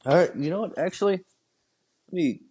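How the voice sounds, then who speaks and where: A man's voice: high voice, moderate pace, a little mellow, slightly rough. A young man co-hosting a podcast over a video call, talking in a laid-back, agreeable way with plenty of fillers. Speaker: podcast co-host. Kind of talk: casual chat.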